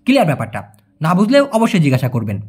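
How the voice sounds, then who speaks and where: Husky man teaching with lively pitch. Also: fast. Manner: chatty, explains with repeated questions and jokes. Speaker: language teacher. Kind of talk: casual language lesson.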